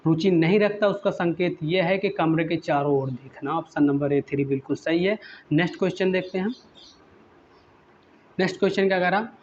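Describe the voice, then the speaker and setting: A male teacher working through exam questions, reading each English question slowly, then explaining it in Hindi and asking his own prompts again and again. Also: sits high, a little mellow, lo-fi sound, a little hiss or hum.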